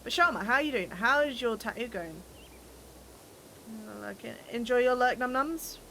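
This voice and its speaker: A woman's voice: fairly high pitch, lively intonation, moderate pace, sharp tone, a little hiss or hum. A British woman in her twenties, chatting casually with her chat while playing a game. She teases people, laughs often and trips over her words. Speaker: game streamer.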